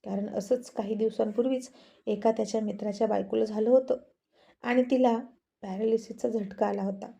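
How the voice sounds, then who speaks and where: A woman's voice: on the high side, steady tone, a little fast, vocal fry, mellow. A woman telling a moral family story in an emphatic, conversational narration.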